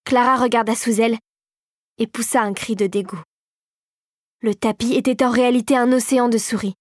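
A woman's voice: on the high side, dry recording. Woman reading a storybook, dry close mic. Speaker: narrator. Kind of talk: scripted storybook narration.

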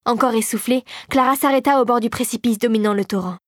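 A woman narrating a children's fantasy audiobook in a steady, clear storytelling voice. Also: a little high, quick pace, no echo, clean studio sound.

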